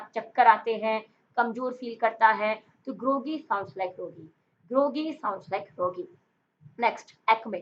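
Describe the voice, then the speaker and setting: A woman's voice: fairly high pitch, muffled recording. A woman teacher with an Indian accent giving an exam-prep vocabulary lesson, mixing English into Hindi and repeating key words to make them stick. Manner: explains with memory tricks, repeats key words; mixes English into Hindi speech.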